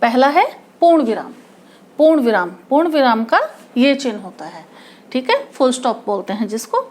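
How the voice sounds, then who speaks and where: A woman's voice: fairly high pitch, sing-song, normal speed, darkish tone. A woman teacher explaining a grammar lesson, asking her class questions and restating each term in simpler words. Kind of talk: Hindi grammar lesson at a board.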